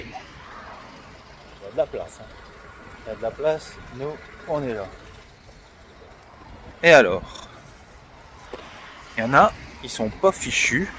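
A man in his forties vents with emphatic annoyance into a selfie camera held at arm's length. His pitch swings widely, his voice sits at a middle pitch, and strong outdoor noise fills the background. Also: a bit bright, low-quality recording. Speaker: travel vlogger. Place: outdoor car park.

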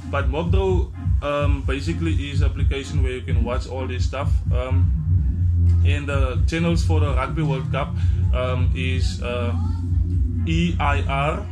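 A man's voice: medium pitch, poor audio. A man in his twenties with an Afrikaans-tinged South African accent, chatting casually to camera as a blunt, slangy vlogger. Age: 20s. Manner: blunt, slangy, mildly sweary. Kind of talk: casual tutorial chat to camera. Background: music.

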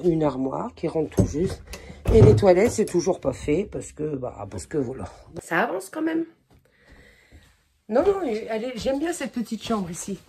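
In a fairly low, dark voice with slight background noise, a middle-aged woman strolls through the rooms of her house. It's a casual, chatty home tour for the camera, and she talks to her pet along the way.

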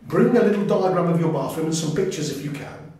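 A man's voice: on the high side, expressive, dark tone, very echoey, far from the mic, low-quality recording. A middle-aged man from England showing off a finished bathroom, enthusiastically listing what was included, recorded on a 360 camera in a small tiled room. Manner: enthusiastic, lists items quickly, points things out. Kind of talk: casual sales walkthrough.

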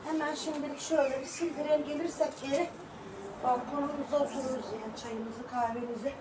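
A woman's voice: high-pitched, fairly even intonation, brisk. A woman vlogger chatting casually in a running commentary on household chores at home. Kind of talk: casual household vlog chat. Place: home balcony. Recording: echoey, noisy, distant microphone.

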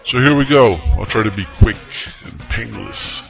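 A man in his forties talking to viewers in a slow, wry monologue, his voice altered into a disguised deep voice. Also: vocal fry, fairly bright tone, soft background music. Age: 40s. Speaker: vlogger.

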